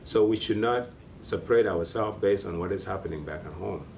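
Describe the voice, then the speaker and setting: A man speaking calmly and firmly in a documentary interview. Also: deep voice, fairly quick, gravelly, a little hiss or hum.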